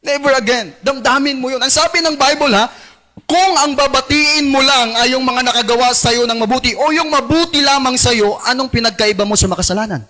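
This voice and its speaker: A man's voice: fairly quick, pushed and bright. A male pastor with a Filipino accent preaching a Sunday sermon, calling on the congregation to repeat lines after him and slipping English phrases into his Filipino. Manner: acts out tempting whispers in a lowered voice. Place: church service.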